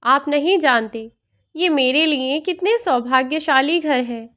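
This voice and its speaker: A woman voicing a gentle pleading mother-in-law. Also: sits high, measured pace.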